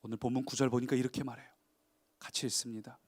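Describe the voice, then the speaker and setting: A man preaching a sermon as pastor, emphatic and dramatic, moving between loud appeals and quiet asides. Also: mid-range voice, level tone, quick pace, slightly rough.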